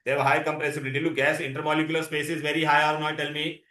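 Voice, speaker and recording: A man's voice: on the high side, monotone, racing, sharp tone. A man with an Indian accent teaching an interactive science lesson, mixing Hindi words into English and often asking questions to prompt answers. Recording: echoey, roomy sound.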